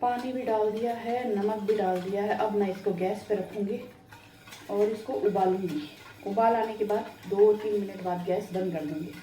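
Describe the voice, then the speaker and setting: Soft-spoken woman in a hushed voice-over. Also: mid-range voice, fairly even intonation, normal speed, slight background noise. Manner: chatty, confiding. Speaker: home vlogger. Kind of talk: quiet voice-over narration of daily chores. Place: home. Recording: roomy home voice-over with faint ambience.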